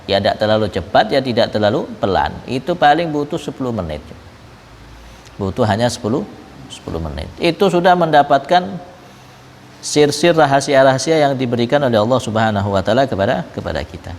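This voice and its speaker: A man's voice: medium pitch, very animated, brisk, slight background noise. Man teaching a Ramadan religious lesson. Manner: conversational storytelling, mixing in Arabic-derived pronouns. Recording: reverberant hall.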